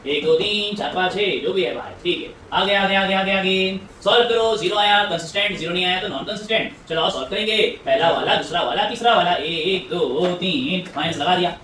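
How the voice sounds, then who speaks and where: A man teaching maths in a classroom, talking briskly, repeating himself and coaxing students along, heard from a distant mic. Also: high-pitched, sharp tone. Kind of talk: classroom lecture. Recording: echoey room, voice from afar, faint hum.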